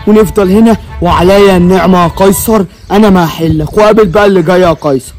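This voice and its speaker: A man's voice: sits high, fast talker, a little mellow. A young man with an Egyptian Arabic accent, vlogging casually and pleading insistently to be let in. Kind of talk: casual staged vlog chat. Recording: music playing underneath. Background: music.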